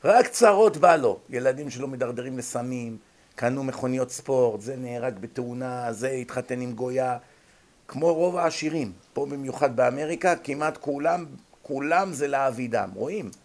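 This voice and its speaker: Man, rabbi's lecture, animated delivery with acted-out scenes. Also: medium pitch. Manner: animated, acts out little scenes in other voices. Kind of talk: Torah lecture. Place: abroad, in America.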